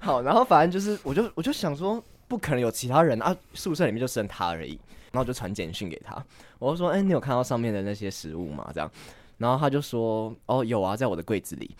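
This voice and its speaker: Fast, lively man telling a story. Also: mid-range voice, no room sound. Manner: rambling, lots of fillers and self-laughs. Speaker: guest. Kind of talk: casual podcast chat, storytelling.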